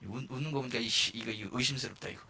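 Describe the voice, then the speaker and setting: A male pastor giving a lively sermon in a church, rising to shouts and acting out the people in his stories. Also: mid-range voice, very fast, vocal fry, a little hiss or hum. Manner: animated, shouting at peaks, mimicking people.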